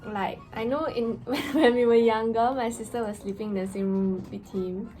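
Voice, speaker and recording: A young woman telling a story in a casual vlog rant, with an animated, exasperated, slangy delivery and emphatic stresses. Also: a little high, normal speed, low-quality recording. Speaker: vlogger. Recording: music playing behind the voice. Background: background music.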